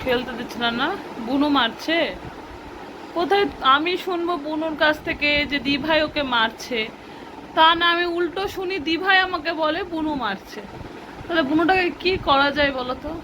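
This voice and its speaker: In a noisy home recording with traffic audible, a young woman vlogs indoors, talking to viewers and coaxing her children along. Her voice is high and her speed normal.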